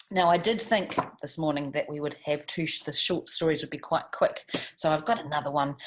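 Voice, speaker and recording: A deep-voiced woman hosts a children's storytime, reading animatedly and chatting with young listeners through questions and asides. The recording is low quality, with a little hiss or hum.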